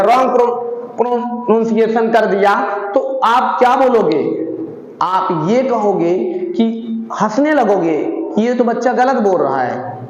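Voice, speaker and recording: A man gives an encouraging spoken-English lesson, asking questions and answering them himself. His voice sits very high for a man. The room echoes and the reverb trails on long. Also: a little mellow. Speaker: English teacher.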